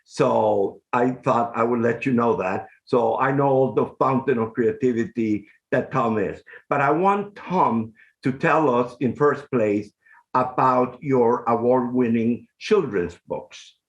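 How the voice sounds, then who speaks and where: Slow, effusive middle-aged man hosting. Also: mid-range voice, highs cut off. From Honduras. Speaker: host, arts commissioner. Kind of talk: scripted-sounding interview hosting. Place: home room full of art and books. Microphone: video call webcam.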